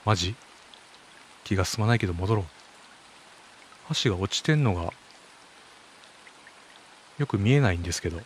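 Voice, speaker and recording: A man's voice: on the low side, animated, normal speed, long pauses, slight background noise. A man with a Kansai accent giving casual let's-play commentary on a horror game, making teasing asides. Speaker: game streamer.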